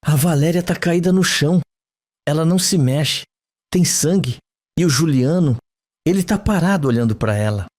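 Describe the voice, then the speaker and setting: The tense soap opera recap is read by a man whose fairly high voice is pushed upward but stays near everyday speech. He keeps a moderate pace and a slightly mellow tone. He gives dreamy, trembling voice to a frightened young woman recalling a scene under hypnosis.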